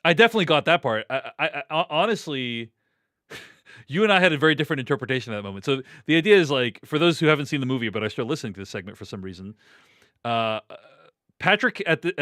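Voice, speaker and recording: A man's voice: medium pitch, lively intonation, fast, a bit bright, no echo, studio quality. A man hosting a casual movie discussion, chatty and recapping scenes in a loose, conversational way. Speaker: host.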